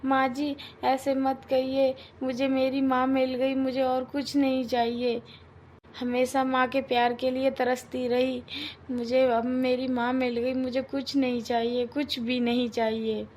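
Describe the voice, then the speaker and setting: A woman's voice: high-pitched, completely flat delivery, a little slow, darkish tone, a little hiss or hum. A woman voicing a meek young daughter-in-law in a homemade cartoon, pleading and tearful. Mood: grateful. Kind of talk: cartoon voice acting.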